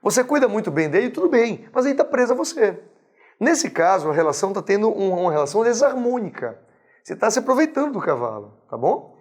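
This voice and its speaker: A man with a Brazilian Portuguese accent teaching a recorded exam-prep biology lesson. He talks in a chatty way, keeps checking that the class follows him, and slows down to stress key terms. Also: sits high, very animated, darkish tone. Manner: chatty, keeps checking the class understands, calls students "son".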